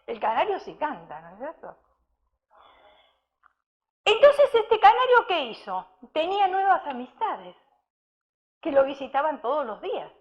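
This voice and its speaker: High-voiced woman preaching a sermon. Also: big pitch swings, unhurried, long pauses. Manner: storytelling with rhetorical questions to the congregation. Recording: dull lo-fi sound.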